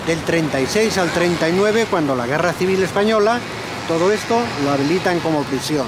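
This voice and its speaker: A man's voice: a little high, lively intonation, a little fast, background noise. A man with an accent from Spain explains a place informally as a guide, checking in with short tag questions. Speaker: local guide. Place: speaking on site at a cloister.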